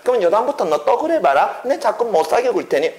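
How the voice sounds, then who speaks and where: A feisty, bossy teenage country girl scolds in a shrill, high voice that swings up and down, as a male teacher puts her on. Her taunting lines come from a storybook reading. They sound in a roomy, echoing space. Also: very animated, fast talker, a little mellow. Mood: threatening. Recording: roomy echo.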